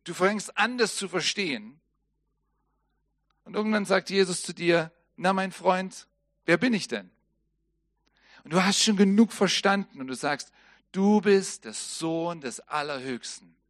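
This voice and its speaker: A man preaching a sermon, telling the story in lively fashion and dropping to a soft, low voice for solemn moments. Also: a little slow, long pauses, dry recording, studio quality. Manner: lively storytelling preaching, acting out quoted lines.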